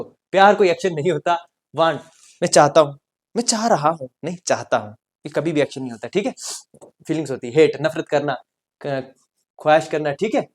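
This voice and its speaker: A male teacher walking students through grammar for their exams. He talks in a joking, animated way, coaxing his class with constant quick questions. One moment he is loud, the next he drops to a soft aside. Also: fairly high pitch. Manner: chatty and joking, with lots of rhetorical questions to students. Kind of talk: exam-prep grammar lesson.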